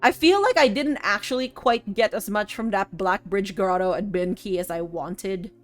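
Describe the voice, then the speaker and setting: A woman's voice: medium pitch, normal speed, faint music behind. A woman streaming a puzzle game, thinking aloud and chatting with her viewers in a sleepy, musing way. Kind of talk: casual gameplay commentary.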